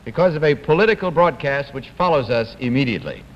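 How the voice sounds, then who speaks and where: A man's voice: medium pitch, animated, fast. A man hosting a 1960s television panel show, announcing and reading aloud in a formal, courteous manner. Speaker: game show host. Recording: dull vintage TV audio, faint noise.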